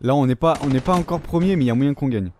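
A man commentating his own gameplay, excitable, swearing often and yelping at the game, talking with his mouth full. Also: medium pitch, racing, a little hiss or hum. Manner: excitable, swears a lot, shouts and yelps at the game. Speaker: gaming YouTuber.

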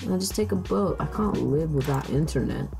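A woman's voice: low voice, animated, brisk, creaky, music in the background. A woman vlogger musing aloud in casual chat, hesitant, with many restarts.

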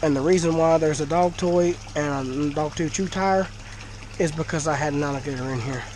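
A fish-keeping vlogger with a blocked nose chats to camera while filming his tank in a dim cinder-block shed, using an action camera he's wearing. His voice is a little high and moderately paced, his manner folksy and talkative. The background is noisy.

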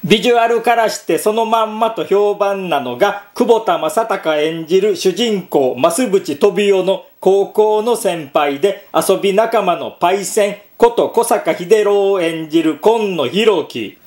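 Chatty high-voiced man, roomy sound. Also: expressive, unhurried, hardly any pauses, darkish tone. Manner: chatty, reading quotes aloud with frequent filler "un". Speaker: podcast host. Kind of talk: solo commentary podcast.

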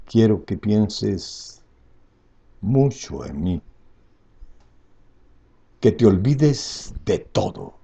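Old guy in his 70s doing grand poetry declamation, really slow and drawn out, gravelly low voice. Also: very animated, muffled recording. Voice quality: husky, gravelly. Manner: slow, dramatic phrasing with swelling emphasis and soft falls. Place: indoor room at home.

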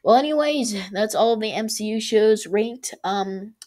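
Woman vlog host, casual review, excitable, rambling, many fillers and restarts. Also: medium pitch, unhurried. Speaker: channel host ranking shows.

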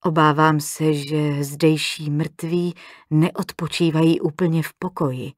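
Timid old woman with a shaky voice, low and apologetic, put on by a woman reader. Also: level tone, dry recording, clean studio sound. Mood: hesitant. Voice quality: trembling old voice. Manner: apologetic, hesitant. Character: frail, timid elderly woman guest.

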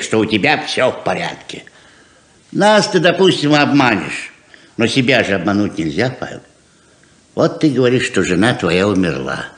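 An actor in a 1970s radio play voices a father of grown children who is frank, persuasive, and hospitable, speaking earnestly and plainly. His mid-range voice is a bit bright.

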